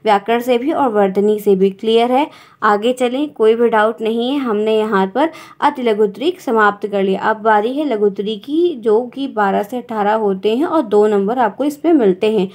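Woman teacher, fairly high voice. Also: normal speed, darkish tone. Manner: explains step by step, checks in with the viewer often. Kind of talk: exam-prep grammar lesson.

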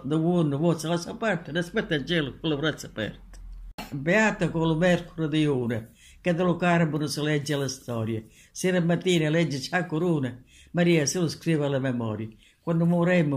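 A man with a Sicilian accent reciting traditional religious verse in Sicilian dialect. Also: fairly high pitch.

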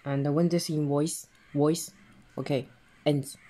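A man giving a hands-on tutorial, explaining each step in halting, simple phrasing as he demonstrates a device. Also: a little high, fairly even intonation, dark tone, slight background noise. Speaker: product demonstrator.

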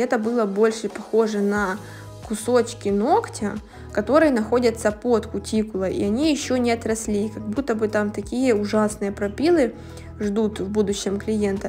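A woman's voice: fairly high pitch, a little mellow. Chatty woman over background music. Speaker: nail technician narrating a manicure video. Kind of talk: casual storytelling voice-over.

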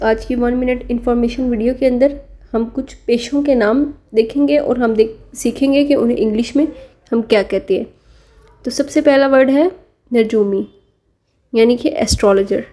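High-voiced woman teaching vocabulary. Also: mellow. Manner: patient question-and-answer drilling. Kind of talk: vocabulary lesson.

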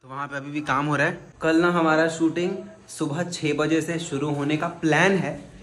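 A man's voice: fairly high pitch, steady tone, normal speed, a bit bright. A young man, vlogging casually to camera and teasing his siblings. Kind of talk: casual vlog narration.

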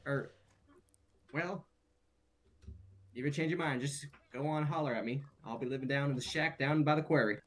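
A brash cowboy hustler drawls his pitch in a put-on Southern country accent, as a man does the voice. He rambles in folksy salesman patter, friendly and pushy at once, like a character in a game stream. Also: moderate pace, long pauses, a little hiss or hum, natural voice. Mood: folksy, hustling.

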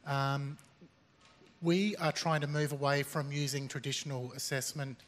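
A man's voice: fairly high pitch, steady tone, unhurried. A man on a college staff speaking from the audience, hesitant with many fillers. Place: large semi-open hall. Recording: long hall reverb.

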